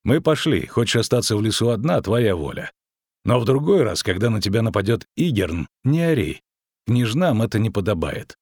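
A man's voice: lowish voice, sing-song, moderate pace, darkish tone, husky, dry recording, clean studio sound, exaggerated voice. A man voicing a blunt, scolding grown male monster hunter in a fantasy audiobook. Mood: mocking.

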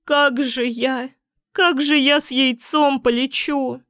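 A woman voicing a fretful old mother goose in a storybook, plaintive and quick to scold. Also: on the high side, no echo, clean studio sound. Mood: tearful.

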